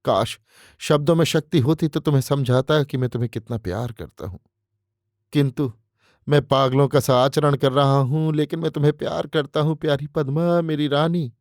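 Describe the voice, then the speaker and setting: A man's voice: a little high, fairly even intonation, moderate pace, a little mellow, no room sound, clean studio sound, close to an everyday voice. A man voicing a pleading, flowery young suitor. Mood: impassioned. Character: scheming young man confessing passionate devotion. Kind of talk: audiobook character reading.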